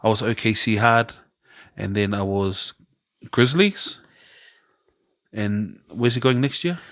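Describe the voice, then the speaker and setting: A man's voice: fairly low pitch, slow pace, a bit bright, no room sound, clean studio sound. A middle-aged man with a New Zealand accent, hosting a casual podcast chat and telling long stories, acting out the voices of people he quotes. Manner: rambling storyteller, acts out quoted voices. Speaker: podcast host.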